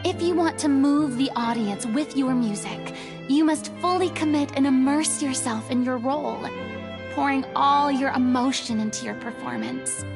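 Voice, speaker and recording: A woman's voice: high-pitched, moderate pace. A woman acting a self-assured, playfully haughty grand lady with a dramatic, grandiose manner in a game. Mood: grandly confident. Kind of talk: voice-acted game dialogue. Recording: loud music behind the voice.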